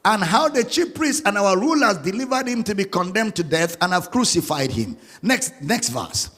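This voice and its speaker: A man preaching a sermon as a pastor, singing out scripture lines and spelling words slowly. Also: sits high, sing-song, a bit bright, in a large hall.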